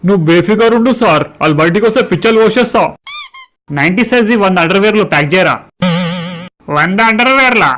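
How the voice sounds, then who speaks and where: A comedy skit performer with a sharp, high-pitched voice swears his way through brash, crude dialogue in a comic sketch.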